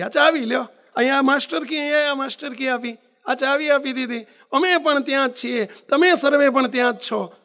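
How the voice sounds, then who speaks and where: High-voiced preacher man, emphatic. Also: fairly bright tone. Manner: emphatic, full of rhetorical questions and pleading repetition. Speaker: religious preacher. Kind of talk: devotional sermon with storytelling.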